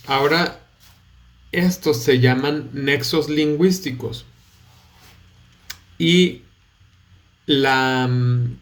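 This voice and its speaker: A man, a teacher with a Mexican Spanish accent, patiently explaining a study-guide lesson and pausing with fillers. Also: mid-range voice.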